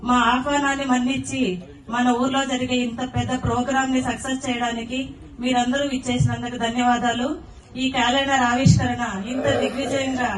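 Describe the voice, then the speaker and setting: A woman giving a polite, formal welcome address that greets and thanks the guests. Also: on the high side. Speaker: event speaker greeting guests. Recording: noisy echoey hall from far off.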